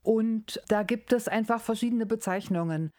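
A middle-aged woman from Berlin, a professor, explaining her field in a measured academic interview. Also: on the high side, a little mellow, dry recording, clean studio sound. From East Berlin, Germany.

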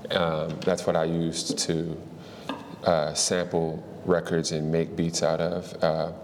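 A man from the Washington, D.C. area, a hip-hop artist answering interview questions in a relaxed way, thinking aloud with fillers. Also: low voice, slow. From Washington, D.C. area, USA. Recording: long reverb, faint noise.

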